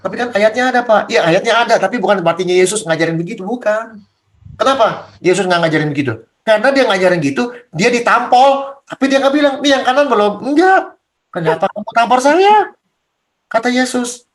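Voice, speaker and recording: A man's voice: high-pitched, animated, fast. A man as a pastor leading a Bible study, talking bluntly and casually, firing rhetorical questions at his listeners.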